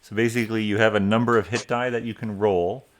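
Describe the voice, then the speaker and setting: Low-voiced man running a tabletop game. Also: slight background noise. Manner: relaxed, pauses on fillers. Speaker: dungeon master.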